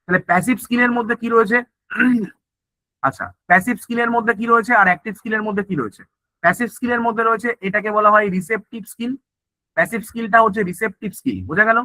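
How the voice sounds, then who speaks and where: A man's voice: high-pitched, quick pace, pushed and bright, no room sound, poor audio. A male teacher giving an online exam-prep lecture, often asking and answering his own questions and checking in with "okay?". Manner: mixes English terms into Bengali, repeats "ঠিক আছে?" often.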